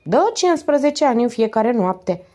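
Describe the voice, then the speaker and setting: A woman puts on a brash male tramp from an audiobook, loud and familiar, pitched high above her reading voice. He boasts and jokes freely with a lively, bouncing delivery. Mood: cheeky. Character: brash, cheeky old male vagrant.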